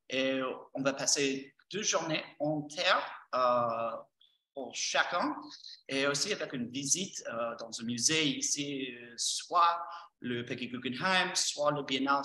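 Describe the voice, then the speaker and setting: A man with an American accent in French, a native English speaker, gives an informal presentation of courses. His delivery is slow and halting as he searches for words. The voice is bright and forward in tone, caught at a distance in an echoing room. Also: medium pitch. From Texas, United States. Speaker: teacher trainer presenting courses. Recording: roomy echo, distant from microphone.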